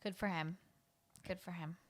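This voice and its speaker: A young woman co-hosting a podcast in casual chat, animated and incredulous, laughing often. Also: fairly low pitch, moderate pace, a little hiss or hum. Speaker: podcast co-host.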